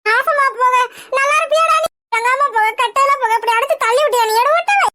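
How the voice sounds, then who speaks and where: A woman's voice: extremely high pitch, fast talker, sharp tone, slight background noise. A woman voicing a distressed mother in a cartoon, begging and cursing to protect her daughter.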